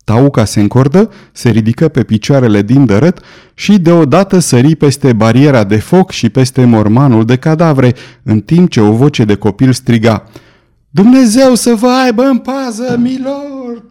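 A man narrating an adventure audiobook in a steady, measured reading. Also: medium pitch. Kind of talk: scripted narration.

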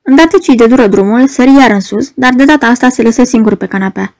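A woman narrating a novel in a steady, scripted audiobook reading. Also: fairly high pitch.

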